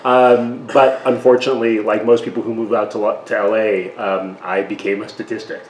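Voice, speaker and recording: A man's voice: on the low side, flat delivery, brisk. Self-deprecating middle-aged man, roomy echo. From Taiwan. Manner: self-deprecating, frequent restarts and laughs. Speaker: guest. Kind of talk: casual interview. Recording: echoey room with faint noise.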